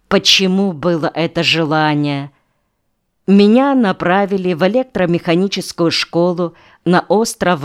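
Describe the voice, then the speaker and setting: Woman, audiobook narration, very slow measured reading, somewhat low, smooth resonant voice. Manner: unhurried, measured reading with pauses between phrases. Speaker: audiobook reader.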